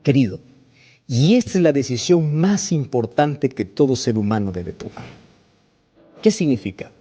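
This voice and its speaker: A male pastor delivers a sermon with passion, his voice swinging widely in pitch as he pleads and then dropping low for a closing prayer. His tone is mellow and somewhat husky. Faint music plays underneath. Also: lively intonation, normal speed. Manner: impassioned, rising high when pleading, hushed in prayer.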